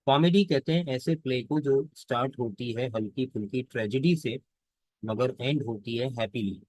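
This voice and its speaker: A male teacher gives a lesson, speaking in a mid-range voice. He reads lines of the text slowly, then explains them in Hindustani, often asking a question and answering it himself. The recording is close and dry, with no room sound. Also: medium pitch, a little mellow, no room sound, poor audio. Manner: fills pauses with "theek hai". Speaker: English teacher. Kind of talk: lecture explaining a text line by line.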